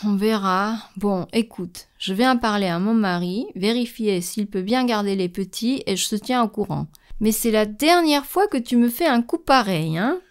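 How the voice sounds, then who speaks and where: Une femme jouant une mère réticente mais ferme. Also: female voice, medium pitch, lively intonation, moderate pace, clean tone, close to an everyday voice. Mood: reluctant. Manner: reluctant, firm. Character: practical working mother, firm but kind. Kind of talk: scripted language-lesson dialogue.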